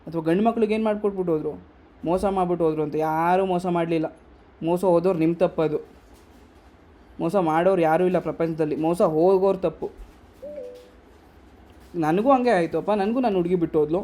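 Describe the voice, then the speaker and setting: A man's voice: sits high, fairly quick, long pauses, warm tone. A young man with a Kannada accent giving a motivational workshop talk, scolding the audience with rhetorical questions. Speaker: workshop speaker.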